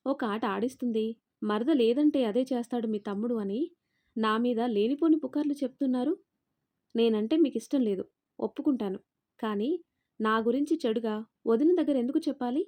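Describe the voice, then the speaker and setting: A woman voicing a bold young daughter-in-law in a spoken family story, firm and confrontational, speaking up loudly. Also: on the high side, lightly acted.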